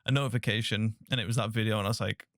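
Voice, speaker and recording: Soft-spoken gravelly Northern English man. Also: lowish voice, steady tone, rapid-fire, no echo, clean studio sound. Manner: casual, chatty, laughs easily. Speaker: podcast host. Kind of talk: soft-spoken interview chat.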